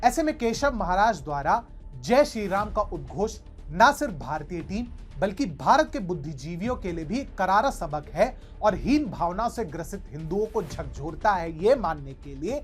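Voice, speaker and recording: A woman delivers scripted commentary narration with emphatic, rhetorical force. Her pitch swings widely as she leans into each point, and soft music plays faintly underneath. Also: sing-song, normal speed. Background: faint background music.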